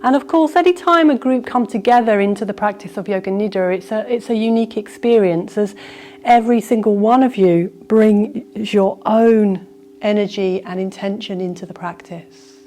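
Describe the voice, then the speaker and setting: In this clip a woman teacher leads yoga nidra, gently improvising her guidance at a slow, soothing pace with thoughtful pauses. Her voice is mid-range, and there's a little hiss or hum in the background.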